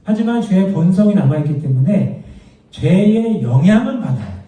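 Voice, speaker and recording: Male Bible study teacher, conversational, dark mellow voice, distant in a very echoey room. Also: high-pitched, big pitch swings, moderate pace. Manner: conversational, explains doctrine with asides and anecdotes. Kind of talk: church Bible study lesson. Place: church room.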